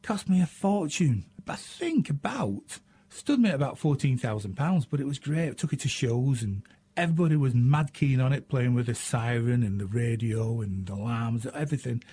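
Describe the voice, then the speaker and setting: Man, northern English accent, radio host, husky voice, chatty and self-mocking. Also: medium pitch, expressive, moderate pace, mellow. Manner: chatty, self-mocking, frequent ums and uhs. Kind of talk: casual radio chat answering listener questions.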